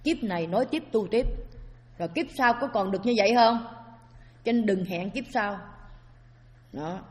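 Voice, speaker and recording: A woman's voice: mid-range voice, expressive, moderate pace, a little mellow. A woman giving a Buddhist Dharma talk as a sermon, often asking her listeners rhetorical questions. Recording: long hall reverb.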